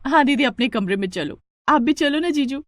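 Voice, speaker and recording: A woman's voice: sits high, expressive, normal speed, dry recording, clean studio sound, pitched above the performer's own voice. A woman voicing a vain, lovestruck young woman in a storybook cartoon, petulant and coquettish. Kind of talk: storybook narration.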